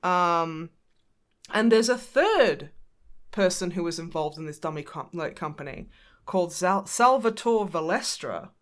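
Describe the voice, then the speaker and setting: Sweary, animated woman podcast host. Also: lowish voice, unhurried. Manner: animated, sweary, emotional recapping. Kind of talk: casual chat.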